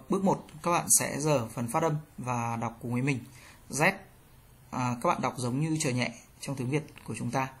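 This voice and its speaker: A teacher gives an online language lesson. The teacher explains in a plain tone, then calls out drill syllables higher and louder. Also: slightly rough.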